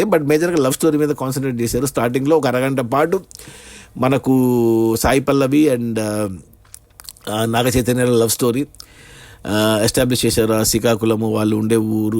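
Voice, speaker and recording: A man's voice: mid-range voice, a little mellow, dry recording. A man giving a casual, rambling spoken film review, with frequent fillers and restarts.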